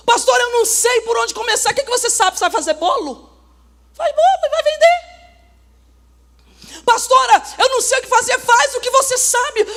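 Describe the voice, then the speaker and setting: A woman pastor preaching a fervent sermon, exhorting her congregation and often shouting. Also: extremely high pitch. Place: church service.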